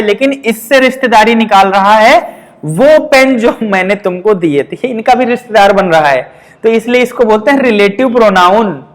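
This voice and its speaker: A man with a Hindi accent teaching English grammar for exam prep, explaining patiently with frequent checks and slow example sentences. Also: high voice.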